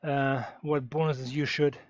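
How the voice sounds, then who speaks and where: A man's voice: medium pitch, flat delivery, a little slow, no room sound. A man from Germany, chatting casually on a live stream while riding and answering viewers' questions with many fillers. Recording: dull lo-fi stream audio.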